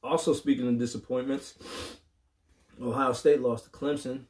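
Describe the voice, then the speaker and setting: A man's voice: mid-range voice, little pitch movement, moderate pace, a little mellow. A man hosting a casual sports talk show, speaking frankly with plenty of ums and the odd curse. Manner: frank, hesitant with many ums, mildly profane.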